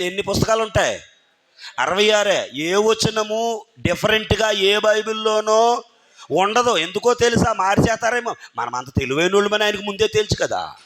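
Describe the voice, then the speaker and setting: Male preacher, high voice, emphatic sermon full of questions put to listeners. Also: a bit bright. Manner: keeps firing rhetorical questions at the congregation and calling on listeners by name; emphatic, urging listeners to think carefully. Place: church hall.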